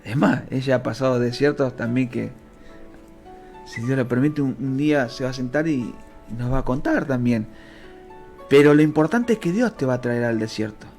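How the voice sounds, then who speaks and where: A man with a Rioplatense Spanish accent teaching the Bible in a fervent, emotional sermon that swings between low and high pitch. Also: normal speed, darkish tone, soft background music.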